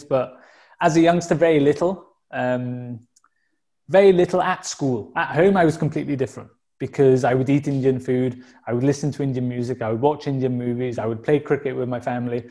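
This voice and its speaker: A Welsh-accented man in his thirties from South Wales appears as a guest on a podcast, speaking in a mellow, medium-pitched voice. The interview is casual, and he talks openly and reflectively, often using fillers and restarting sentences.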